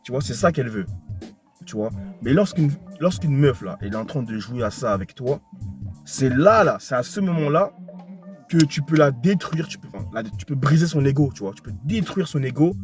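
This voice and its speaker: A man's voice: mid-range voice, expressive, normal speed, faint music behind. A young man giving dating advice in a casual, slangy monologue, talking straight to the listener and repeating himself often. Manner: slangy, repetitive, addresses listener directly.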